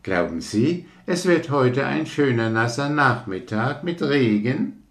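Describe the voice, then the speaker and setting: A man's voice: mid-range voice, very animated, slow pace, voice pushed up. A man doing a chatty little frog. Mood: content. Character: small contented pond frog, chatty. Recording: roomy echo.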